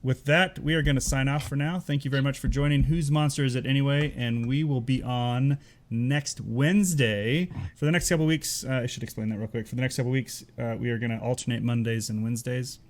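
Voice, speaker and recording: A man's voice: medium pitch, steady tone, brisk. A man hosting a casual online show, loose and rambling, often breaking into laughter. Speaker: host.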